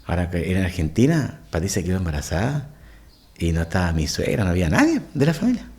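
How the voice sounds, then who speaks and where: Animated Chilean pastor telling a story. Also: male voice, low voice, fast talker. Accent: Chilean Spanish. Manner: animated, asks the congregation questions. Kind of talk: storytelling sermon. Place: church.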